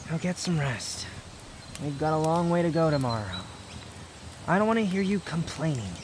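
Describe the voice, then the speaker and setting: In this intimate, brooding ASMR roleplay, a male actor voices a proud young man whose fairly high voice is bitter and guarded with tenderness beneath, curt at the edges yet confessional. The mood is gruff and tender, the delivery animated and natural at normal speed, with clear outdoor nature ambience and a noisy background.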